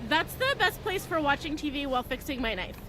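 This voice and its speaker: A woman's voice: high voice, sing-song, brisk, sharp tone, a little hiss or hum, exaggerated voice. An actress playing an oblivious, ditzy female customer in a game.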